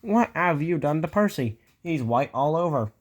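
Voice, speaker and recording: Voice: mid-range voice, lively intonation, normal speed, natural voice. A reader doing a wry friendly signalman.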